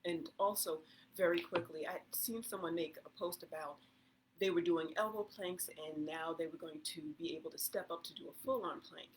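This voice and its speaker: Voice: medium pitch, normal speed, slight background noise, rough recording. Chatty, encouraging plank-workout instructor. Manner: chatty, talks through each move step by step; encouraging, reassuring. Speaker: fitness instructor.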